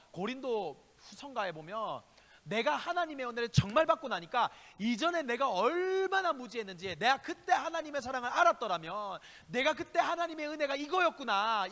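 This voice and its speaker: High-voiced impassioned male preacher. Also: big-room sound. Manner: impassioned preaching, shifting between loud exhortation and hushed asides; speaks directly to listeners with rhetorical questions. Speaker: youth pastor. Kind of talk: youth sermon. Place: church sanctuary.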